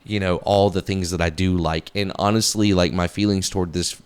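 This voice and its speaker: A man's voice: low-pitched, fairly even intonation, a little fast, clean tone. A man giving a casual, rambling movie review, full of fillers and restarts, enthusiastic and a little profane.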